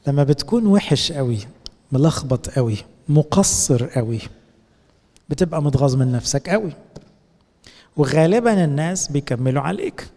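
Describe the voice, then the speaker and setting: A man's voice: on the high side, gravelly, mellow, long reverb tail. A middle-aged Egyptian man, a priest, giving a colloquial sermon and speaking directly to his listeners. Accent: Egyptian Arabic.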